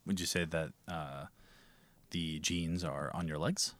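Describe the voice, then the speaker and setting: A man co-hosting a casual podcast, dropping absurd jokes in a deadpan way. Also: very deep voice, measured pace, dry recording. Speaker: podcast co-host.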